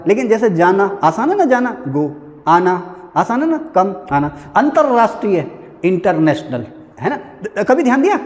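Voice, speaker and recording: A man's voice: sits high, in a large hall. A man teaching a class in a chatty lecture style, calling his students "beta" and checking in with "hai na" asides. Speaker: civil services teacher.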